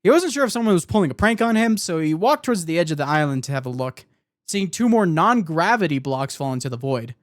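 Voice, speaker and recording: Telling lore on stream, this man moves quickly, hesitating and self-correcting while tossing in casual asides. He has a slightly high, sing-song voice. The sound is studio quality and echo-free.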